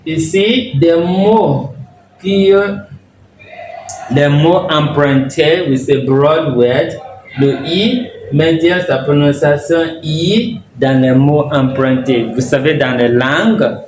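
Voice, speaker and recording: A man teaches pronunciation at a very slow, deliberate pace, repeating each example word. He sounds set back from the mic in a reverberant room. A faint hiss of ambience sits behind him. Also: on the high side, a little mellow. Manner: slow, drilling words one by one with repetition. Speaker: English teacher. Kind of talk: bilingual pronunciation lesson. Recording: echoey room, mic at a distance, faint background noise.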